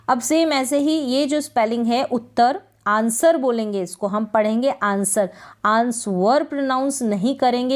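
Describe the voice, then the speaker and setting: A woman's voice: fairly high pitch, darkish tone. A woman teaching English pronunciation, explaining patiently, repeating each word and answering her own questions. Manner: patient, repeats words and asks questions then answers them. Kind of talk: explaining lesson.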